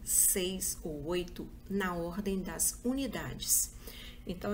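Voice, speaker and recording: A woman's voice: fairly low pitch, a little hiss or hum. A woman teacher with a Brazilian Portuguese accent giving a patient school review lesson, listing examples one by one. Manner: slow, patient, spells out examples.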